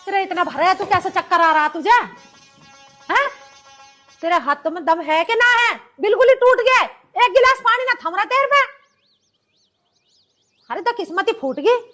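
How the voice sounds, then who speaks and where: A woman's voice: extremely high pitch, animated, normal speed, long pauses, soft background music, heavily acted. An actress playing a harsh, nagging older mother-in-law with a Haryanvi accent in a village film drama. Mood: scolding. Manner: nagging, sharp-tongued.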